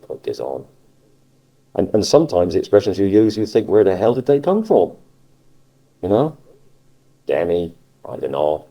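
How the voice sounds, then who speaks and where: A man from Cornwall with a Cornish West Country accent, chatting casually in a halting way and repeating phrases for emphasis. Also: rumbling low, gravelly, warm tone, breathy edge. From Cornwall, England. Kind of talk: casual conversation about dialect. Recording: muffled cassette recording.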